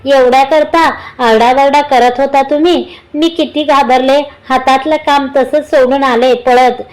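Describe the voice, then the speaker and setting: A woman voicing a gentle, flustered young wife who soothes her husband, in a high voice. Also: fairly even intonation, measured pace. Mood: soothing.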